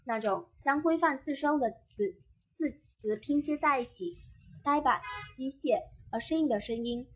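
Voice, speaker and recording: A woman giving a scripted lesson on voice acting, explaining each point in a measured way. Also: high-pitched. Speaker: voice-acting teacher. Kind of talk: scripted instructional narration.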